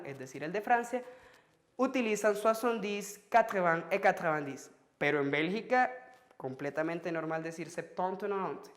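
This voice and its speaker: In a high voice, a man teaches a French lesson on video, explaining things lively to his students and counting out examples on his fingers.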